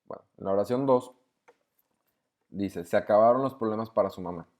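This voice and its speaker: A young man talks through a recorded lesson at his computer desk mic. His voice sits a little low, and he reads each exercise out before calmly explaining the rule behind it. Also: a little fast. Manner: patient, step-by-step explaining, reads exercise sentences aloud. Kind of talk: screen-recorded lesson walkthrough.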